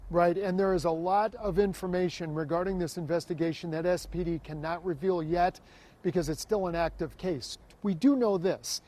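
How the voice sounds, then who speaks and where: A man reporting live for the news from outdoors at a busy intersection, with steady, urgent newscaster delivery. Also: sits high. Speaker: field reporter.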